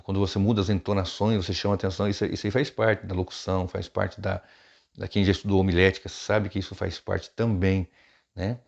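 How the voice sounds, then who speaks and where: A pastor talks off the cuff, his voice low and gravelly. His manner is chatty and informal, full of quick asides and tag questions. The recording sounds dull and lo-fi. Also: flat delivery, darkish tone. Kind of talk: unscripted preaching advice.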